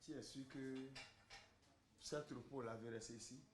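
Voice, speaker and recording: A man's voice: mid-range voice, steady tone, measured pace, a little hiss or hum, natural voice. An actor playing a stingy husband and father who scolds, stammers and repeats himself in a comic TV sketch. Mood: scolding. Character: stingy grumbling middle-aged husband and father. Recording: echoey room.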